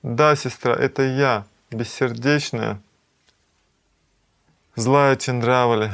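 A man's voice: medium pitch, fairly even intonation, slow pace, gravelly, fairly bright tone, voice pushed up. A man voicing a remorseful young woman.

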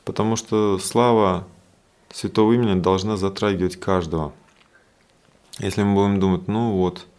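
A man with a deep, low voice leads a scripture study class. He explains loosely and conversationally, circling back with fillers and asides as he goes. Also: fairly even intonation, moderate pace, darkish tone.

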